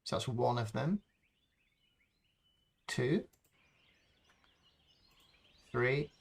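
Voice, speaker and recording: Slow, gravelly man thinking aloud. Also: medium pitch, animated. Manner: slow, thinking aloud as he works, with frequent ums. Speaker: live stream host demonstrating sound design. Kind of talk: unscripted tutorial walkthrough.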